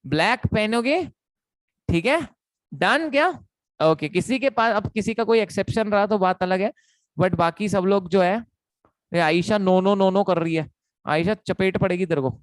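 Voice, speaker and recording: A man's voice: sits high, a little slow, no echo. A young man giving an online lecture, playful and teasing, repeating himself often. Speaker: teacher.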